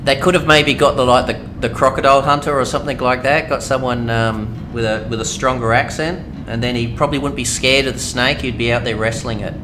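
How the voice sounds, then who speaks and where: A man's voice: medium pitch, fairly even intonation, brisk, few pauses. Chatty Australian man streaming a game. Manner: chatty, rambling, many fillers. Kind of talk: casual let's-play commentary. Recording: noisy home stream audio.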